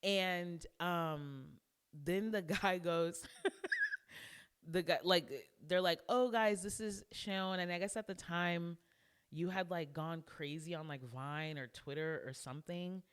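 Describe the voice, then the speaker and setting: A young adult woman co-hosting a podcast, telling a story in a casual, animated way and acting out what people said. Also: lowish voice, slow pace, clean tone. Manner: animated storyteller who acts out quotes. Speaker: podcast co-host. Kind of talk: casual chat.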